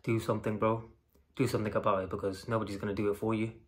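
A man's voice: on the low side, level tone, racing. A man, out of breath after a gym session, giving a blunt, casual motivational talk and calling his viewers "bro". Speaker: vlogger.

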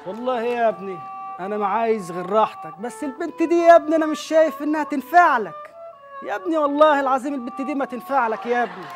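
A man's voice: very high voice, very fast, music in the background. A man playing a stern older father from Upper Egypt with an Upper Egyptian accent, scolding his son and forbidding a marriage.

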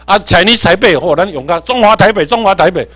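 A man from Tainan with a Taiwanese accent, giving an animated workshop lecture, quizzing the audience and swinging between emphatic and muttered asides. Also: sits high, quick pace. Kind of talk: seminar lecture mixing Hokkien and English terms.

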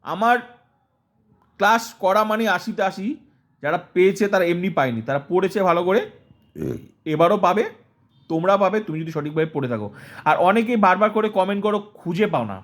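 A man's voice: high-pitched, lively intonation, fairly quick, pauses often. A male teacher giving an exam-prep lesson, asking questions and answering them himself, repeating terms over and over to drill them.

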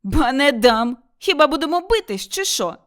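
A woman's voice: a little high, lively intonation, normal speed, close to an everyday voice. A woman reading an audiobook, voicing a stubborn young daughter-in-law who answers back curtly and defiantly. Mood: shouting. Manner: curt, defiant, retorting. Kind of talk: audiobook character voice.

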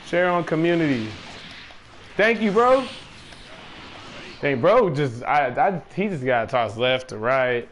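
A young man streams a game and keeps up playful, slangy banter with a friend. His voice sits a bit high and jumps around with easy laughter. Faint background ambience sits under it. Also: lively intonation, takes it slowly, pauses often, fairly bright tone, a little hiss or hum. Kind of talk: casual gaming chat.

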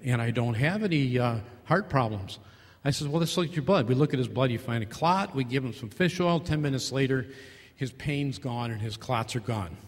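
Older man lecturing in a reverberant hall. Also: medium pitch. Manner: conversational, acts out patient dialogues, many restarts. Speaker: physician speaking at a convention. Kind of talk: conference talk with slides. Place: large convention hall, at a podium. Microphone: podium microphone.

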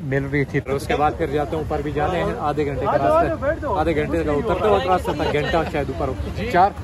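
A young man from Pakistan talks excitedly into a phone held at arm's length as he hikes down to a waterfall. His voice sits fairly high for a man. A busy crowd of hikers can be heard clearly behind him outdoors. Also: a little fast. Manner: chatty, excitable, often laughing. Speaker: vlogger. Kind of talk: casual travel vlog narration. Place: outdoors on a forest trail and at a waterfall.

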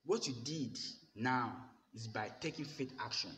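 A man's voice: mid-range voice, fairly bright tone. A young man, a pastor, preaching a sermon to his phone camera in a bare room, with emphatic, repeated declarations. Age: young adult. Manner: emphatic, repetitive declarations, slow deliberate delivery. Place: bare indoor room with plain walls. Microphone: phone held at arm's length. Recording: phone recording with long reverb and faint room noise.

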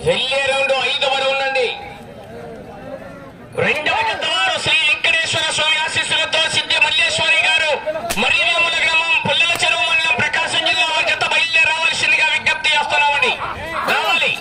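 A man, calling a bull race live with excited cheering and loud announcements. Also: extremely high pitch, brisk. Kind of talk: live event commentary. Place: outdoor bull racing ground. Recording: crowd noise at outdoor event. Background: loud crowd.

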